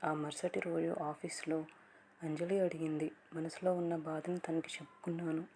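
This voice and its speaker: Low, flat-voiced woman telling a love story. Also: a little hiss or hum. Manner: soft, slow, partly whispered reading. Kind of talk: first-person story narration.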